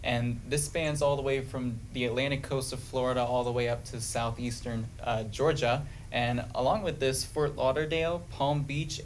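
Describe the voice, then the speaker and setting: A man co-anchors a live news update in a mid-range voice. There is faint noise in the background. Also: mid-range voice.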